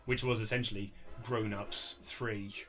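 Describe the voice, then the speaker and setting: A man interviewed as an author and writer chats casually and anecdotally, acting out quotes and swearing mildly in an animated conversation. His voice is lowish and a little slow, with fairly even intonation. The amateur lo-fi recording has music underneath.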